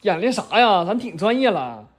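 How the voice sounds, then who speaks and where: A woman's voice: mid-range voice, big pitch swings, moderate pace. A woman playing a cheeky, eager, stammering young friend posing as a boyfriend in a comedy skit. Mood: eager, bumbling. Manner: bumbling, stammering, giggly.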